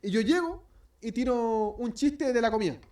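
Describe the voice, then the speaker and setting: A man's voice: very high voice, lively intonation, moderate pace, a little mellow. A man with a Chilean accent teaching an informal Bible study, chatty and self-correcting, acting out everyday scenes as examples. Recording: voice distant from the mic.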